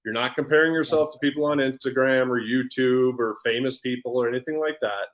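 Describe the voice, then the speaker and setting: A man's voice: mid-range voice, a little fast. A man in his forties, a personal development coach, talking in a casual interview with energy and frequent restarts and repeated words. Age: 40s. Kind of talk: casual podcast interview chat.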